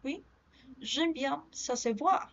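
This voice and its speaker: A woman's voice: high-pitched, takes it slowly, gravelly, dull audio. A woman reading French grammar drills, giving each example sentence and then its answer.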